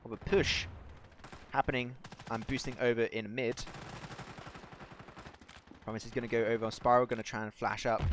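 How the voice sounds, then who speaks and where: A man casting a live mobile shooter match, excitable and rising to near shouts on big plays while chatting to viewers. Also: mid-range voice, a little hiss or hum. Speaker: esports caster. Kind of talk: live game commentary.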